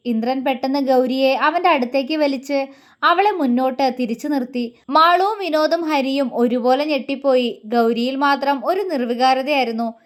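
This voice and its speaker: Woman storyteller, high voice, reading a dramatic love story with lots of feeling.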